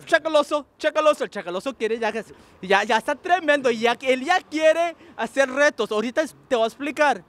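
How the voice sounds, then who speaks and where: A man's voice: very high voice, a little fast, fairly bright tone, a little hiss or hum. A man hosting a playful street quiz show, teaching English and teasing as he switches between Spanish and English.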